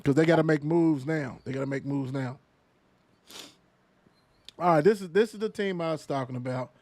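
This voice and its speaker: A male sports show host talks in loose, animated banter, full of slang and filler words. His voice sits high for a man. The sound is dry and close. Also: moderate pace, dry recording. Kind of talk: casual sports talk.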